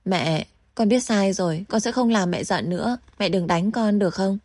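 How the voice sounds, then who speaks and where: A woman's voice: mid-range voice, moderate pace, no echo, natural voice. A woman voicing a spiteful young captive who snarls in rage and then whimpers like a frightened child. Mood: whimpering. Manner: shouts in rage, later whimpers like a scared child.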